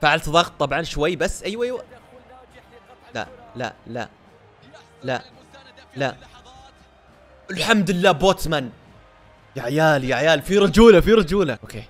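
A young man giving live commentary on his own football video game match, excitable and breaking into shouts over goals. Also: fairly high pitch, fairly quick, long pauses, soft background music. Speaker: gaming YouTuber.

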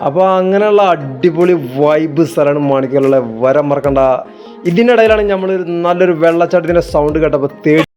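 A man's voice: a little high, fairly quick, darkish tone. A man chats casually for a vlog, mixing in English words. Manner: mixes English words into Malayalam. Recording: music under the voice.

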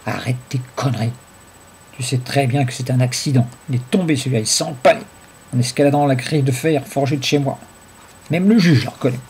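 A man voicing a gruff, dim-witted hulking brute. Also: mid-range voice, brisk, darkish tone, a little hiss or hum, lightly acted. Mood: contemptuous.

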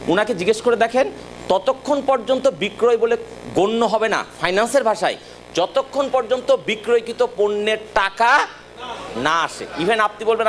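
A man's voice: sits high, slight background noise. A man giving a live sales training talk, emphatic and direct, often checking that his audience follows.

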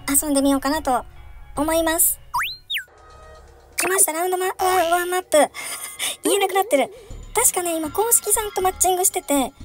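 A young woman commentating a horror chase game, giggling often and shrieking when chased. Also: very high voice. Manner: giggly, frequent laughter, shrieks in panic. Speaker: game streamer. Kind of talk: let's-play commentary.

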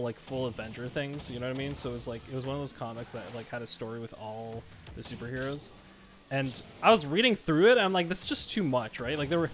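A man's voice: medium pitch, fairly bright tone, a little hiss or hum. A young man streaming a game, talking casually in a rambling, conversational way. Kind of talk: casual livestream chat. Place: small indoor room at home.

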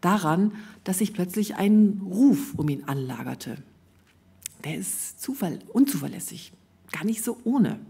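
A woman reading aloud from her own prose at a literary event, calm and measured, giving the quoted dialogue a light touch. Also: on the low side, creaky, husky. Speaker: author reading from her work. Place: event venue.

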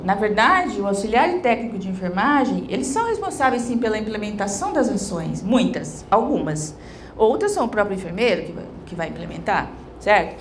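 A woman's voice: mid-range voice, a little hiss or hum. A middle-aged woman giving a conference lecture into a handheld mic in a large hall, explaining step by step and checking in with tag questions.

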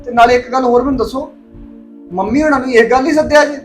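An actor playing a young husband who calmly reasons with his mother. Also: extremely high pitch, fast talker, soft background music. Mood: placating. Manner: reasoning, placating. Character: calm young husband mediating family. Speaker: husband and son. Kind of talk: family drama acting.

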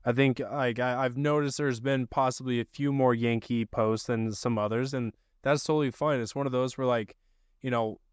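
A man's voice: medium pitch, smooth, no room sound. A young man hosting a casual video-call podcast interview, asking loose, filler-heavy questions from his home studio. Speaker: podcast host. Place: home studio room with desk. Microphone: studio mic on boom arm.

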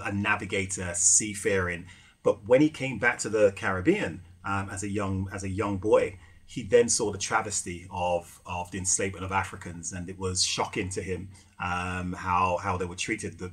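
A middle-aged man telling stories in a relaxed podcast chat, with many fillers and restarts. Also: on the low side, husky. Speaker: guest, rum ambassador and former bartender. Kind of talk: casual podcast conversation.

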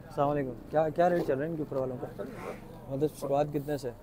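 A Pakistani vlogger walks through an outdoor city bazaar with a handheld phone camera, chatting enthusiastically and asking shopkeepers for prices in a casual market tour. His voice is fairly high with a steady tone, he talks fast, and crowd noise surrounds him.

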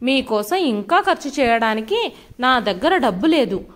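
A woman's voice: on the high side, sing-song, moderate pace. Brief: angry, snobbish young son, harsh and scornful, woman reading him. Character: arrogant, angry young office-worker son.

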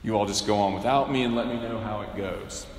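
A middle-aged man preaching a sermon from a cathedral pulpit, measured and wryly humorous, often asking rhetorical questions. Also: on the low side, a little mellow, a little hiss or hum. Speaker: bishop preaching. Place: large cathedral, indoors. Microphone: pulpit microphone. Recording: echoey cathedral with long reverb.

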